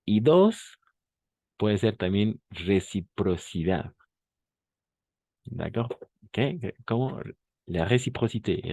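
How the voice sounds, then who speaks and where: A man teaching a language class in an unhurried, methodical way. His voice sits very low, and he repeats words and asks whether everyone follows. The sound is dry and close. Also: warm tone, no echo. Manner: patient, repeats each phrase, often checks understanding. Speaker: French teacher. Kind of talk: bilingual language lesson.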